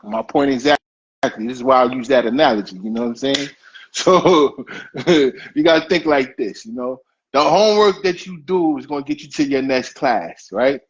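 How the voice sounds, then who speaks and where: A man's voice: medium pitch, normal speed, breathy edge. A man hosting a casual talk, emphatic and repeating his points as he gives advice. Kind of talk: casual podcast chat. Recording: dull lo-fi stream audio.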